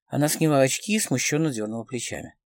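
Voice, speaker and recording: A man's voice: mid-range voice, fast talker, no room sound, clean studio sound. A man narrating a novel as an audiobook, reading expressively. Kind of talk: scripted narration of a crime novel.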